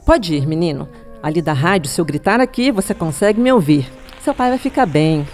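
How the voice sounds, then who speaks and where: An actress playing a caring, reassuring nurse in a radio drama. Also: female voice, fairly low pitch, animated, brisk, a little mellow, soft background music, close to an everyday voice.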